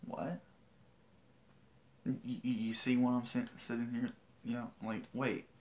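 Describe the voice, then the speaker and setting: A man's voice: medium pitch, little pitch movement, takes it slowly, darkish tone. A teenage guy on a livestream, telling a story in a rambling, indignant way with many restarts. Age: teens. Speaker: vlogger.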